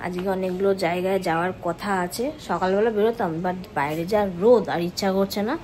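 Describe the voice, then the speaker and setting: A young adult woman vlogging in a casual, chatty way, speaking softly and sparingly because of a sore tooth, and teasing her family. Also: fairly low pitch, fairly even intonation, fast talker, slight background noise, low-quality recording. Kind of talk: casual vlog chat.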